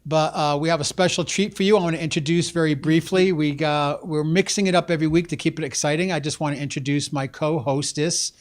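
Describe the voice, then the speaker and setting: A man's voice: a little high, fairly even intonation, quick pace, hardly any pauses. A man hosting a live local TV show, rambling casually with many fillers. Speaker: host.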